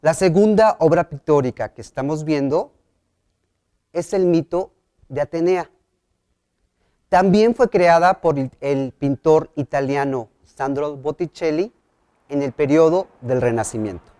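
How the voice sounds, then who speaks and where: Slow, mellow teacher. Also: male voice, on the high side. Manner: slow, clear, asks the class questions. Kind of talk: televised school lesson.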